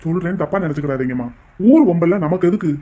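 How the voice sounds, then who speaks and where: A man's voice: on the high side, racing, mellow, dull audio, close to an everyday voice. A man voicing a talkative, persuasive middle-aged marriage broker in a cartoon.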